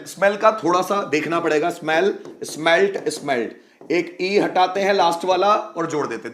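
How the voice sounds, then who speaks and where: A man with a fairly high voice teaches English verb forms while speaking in Hindi. He repeats each example word aloud and keeps asking his viewers questions as he goes. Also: slight background noise. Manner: repeats words aloud and asks the class questions. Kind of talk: explaining grammar rules in Hindi.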